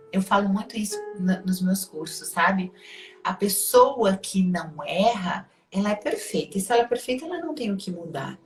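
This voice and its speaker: A woman's voice: medium pitch, a little mellow. A woman with a Brazilian Portuguese accent, a life coach giving emphatic advice and repeating key points for stress. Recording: echoey room with faint music behind.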